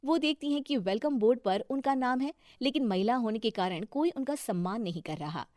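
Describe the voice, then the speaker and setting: A woman's voice: a little high, animated, normal speed, a little mellow, no room sound, clean studio sound. A woman reading scripted narration for a moral story as the storyteller.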